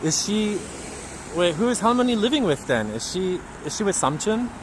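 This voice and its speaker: A man's voice: high voice, big pitch swings, moderate pace. A man hosting a casual livestream walking tour through city streets, chatting and reading out viewer comments. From Japan. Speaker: livestream host. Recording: outdoor street recording with traffic noise. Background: traffic and street noise.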